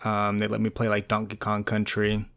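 A man's voice: lowish voice, completely flat delivery, moderate pace, fairly bright tone. A man co-hosting a casual gaming podcast, laid-back and rambling, often laughing. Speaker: podcast co-host.

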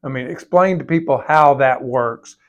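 An older man co-hosting a finance podcast in casual conversation, speaking haltingly and repeating words. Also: medium pitch, lo-fi sound. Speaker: podcast co-host and veteran financial advisor.

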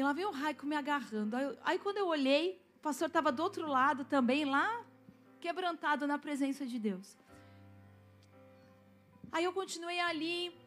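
A woman's voice: high-pitched, fairly bright tone. A woman pastor, preaching a sermon and telling a personal testimony, drawing the congregation in with questions. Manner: storytelling, asks the congregation to respond.

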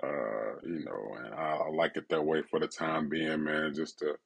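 A man hosting a casual, intimate solo podcast, speaking in a laid-back, personal way right in the listener's ear, with a gravelly, husky voice. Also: very deep voice, fairly even intonation, moderate pace, a bit bright. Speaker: podcast host.

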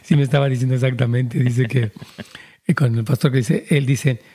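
Male pastor, husky and warm-toned, earnest counseling voice. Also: mid-range voice, steady tone, fairly quick. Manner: earnest, preachy, addresses listeners directly.

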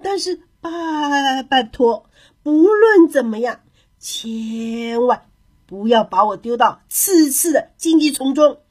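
A sly, boastful hare trickster, as a woman puts him on for a children's storybook, bright and high with a lively bounce in the voice. He teases and fakes his pleas, drawn out slowly and breathily. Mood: mock-pleading. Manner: playful, teasing, then mock-pleading.

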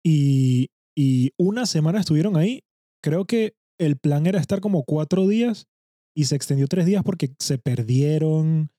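A man's voice: on the high side, animated, moderate pace, mellow, dry recording, studio quality. A Venezuelan man hosting a casual podcast chat. He laughs often and hesitates as he explains. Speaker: podcast host.

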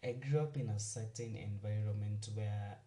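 A man, hosting a casual solo podcast, chatty and rambling as he talks warmly to his listeners. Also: lowish voice, normal speed. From Kenya. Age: 20s. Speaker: podcast host. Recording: roomy, distant mic, faint music.

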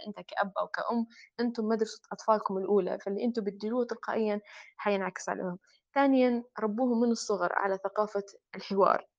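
A woman with a Libyan Arabic accent, a psychologist guest explaining with frequent filler pauses in a panel discussion. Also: mid-range voice, no room sound, highs cut off.

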